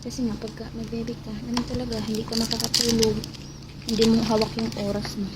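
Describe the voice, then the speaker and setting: A woman's voice: fairly high pitch, little pitch movement, quick pace. Rambling joking mother in a noisy room. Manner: rambling, joking, self-mocking, mixing in English. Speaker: mother vlogging with her baby. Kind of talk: casual chat to camera. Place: rural home in the mountains. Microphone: camera facing her. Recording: loud background noise.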